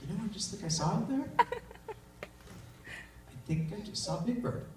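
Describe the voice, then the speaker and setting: Lively stage hypnotist, man in an echoey hall. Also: high voice, normal speed. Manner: simple coaxing questions, repeats the answers back. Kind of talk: live stage show patter, questioning volunteers like small children. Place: live stage before an audience. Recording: very echoey hall, distant, loud noise.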